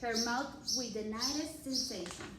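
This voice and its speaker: A woman reading a picture book aloud slowly, correcting herself and adding little asides. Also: a little high, noisy background. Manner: slow, with self-corrections and asides. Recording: echoey room, far from mic, birdsong.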